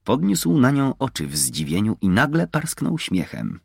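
A man narrating a novel in an expressive storytelling manner. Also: medium pitch, normal speed, gravelly, husky, no echo, clean studio sound. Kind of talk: audiobook narration.

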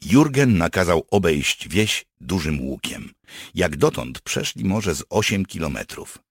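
A man narrating an audiobook with dark, wry storytelling. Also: sits low, animated, unhurried, breathy edge, no echo, clean studio sound. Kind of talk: scripted narration.

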